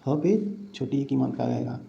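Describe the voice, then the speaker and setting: A man teaches spelling for exam prep, saying each word over and throwing quick questions back at his students. His voice is very dark and mellow and sits at a middling pitch for a man. The recording sounds dull and lo-fi. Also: lively intonation, gravelly. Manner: repeats words and asks the class rhetorical questions.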